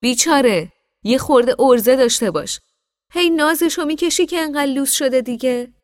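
A woman doing a loud, mocking young man. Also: high voice, expressive, dry recording, clean studio sound, voice pushed up. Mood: teasing. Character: teasing bossy young man, prankster.

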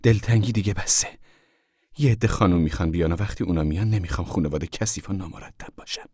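A man's voice: deep voice, mellow, breathy edge, no echo, studio quality. A man doing a stern, bossy mother. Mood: firm, bossy. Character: brisk, firm mother of a poor family. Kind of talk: audiobook character voice.

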